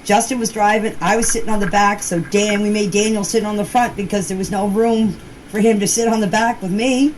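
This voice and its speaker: This woman speaks briskly in a mid-range, slightly mellow voice with fairly even intonation. Her noisy group-chat voice clips respond to questions informally, leaning on repetition for emphasis and colloquial, ungrammatical phrasing.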